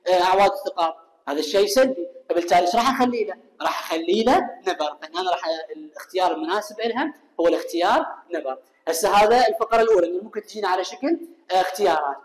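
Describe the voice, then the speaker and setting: A man with an Iraqi Arabic accent teaching an English lesson. He asks his students questions and answers them himself, and reads the English example sentences slowly and carefully. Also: high voice. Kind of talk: recorded classroom lesson. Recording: echoey room with long reverb.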